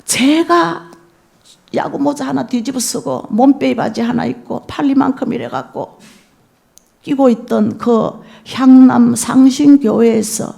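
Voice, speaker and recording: A woman's voice: high-pitched, unhurried, creaky, mellow. A woman in her sixties with a Gyeongsang accent, an evangelist telling a testimony in a sermon and acting out her own prayers. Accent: Gyeongsang Korean. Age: 60s. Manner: storytelling, acts out her own prayers, rising to tearful cries. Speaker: evangelist preacher.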